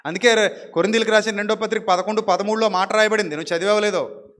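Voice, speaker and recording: A man's voice: high-pitched, steady tone, fast, fairly bright tone, long reverb tail. A male pastor preaching a sermon in a conversational way, acting out little dialogues and asking the congregation rhetorical questions.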